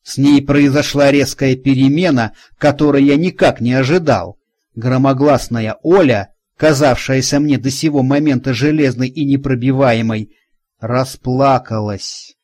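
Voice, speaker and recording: A man narrating a first-person detective story in a calm, deliberate, ironic manner. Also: medium pitch. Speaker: audiobook narrator.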